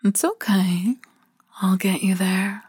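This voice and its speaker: A woman in an intimate ASMR roleplay, speaking in a soft murmuring whisper with hums and sighs. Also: medium pitch, fairly even intonation, takes it slowly, slight background noise. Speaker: roleplay narrator.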